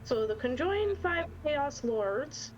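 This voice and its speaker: A woman's voice: high-pitched, sing-song, takes it slowly, muffled recording, soft background music. A woman playing in a tabletop game, talking casually and laughing often. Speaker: player. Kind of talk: tabletop roleplay chat.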